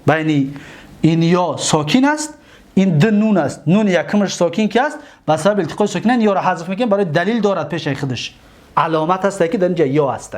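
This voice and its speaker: A man teaching an Arabic grammar lesson, reciting word forms slowly and often checking whether his students follow. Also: high voice, expressive, a little mellow. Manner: repeats and asks students if they follow.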